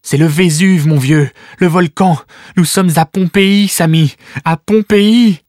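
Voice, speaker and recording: A man's voice: sits high, fairly even intonation, measured pace, darkish tone, no echo, studio quality, voice pushed up. Lily, a man voicing an urgent brave young girl. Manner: urgent, insistent warnings.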